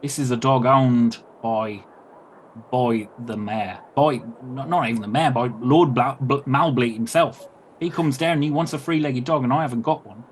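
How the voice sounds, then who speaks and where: A man puts on a gruff cannery worker, a father at the end of his patience. He is blunt, growls threats and swears freely as he scolds his son. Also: mid-range voice, moderate pace, slight background noise, close to an everyday voice. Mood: scolding. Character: gruff middle-aged male cannery worker, angry father.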